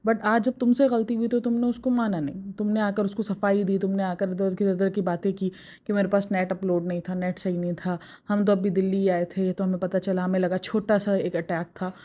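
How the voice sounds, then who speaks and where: A woman's voice: medium pitch, little pitch movement, normal speed, mellow, lo-fi sound. A woman from Pakistan talking in a casual opinion vlog, arguing emphatically and answering her critics directly. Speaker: vlogger reviewing other vloggers.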